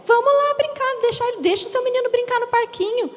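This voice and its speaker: A woman's voice: extremely high pitch, quick pace, in a large hall, pitched above the performer's own voice. A woman speaking as an insistent, coaxing church woman who won't take no for an answer. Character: pushy, kindly middle-aged church woman.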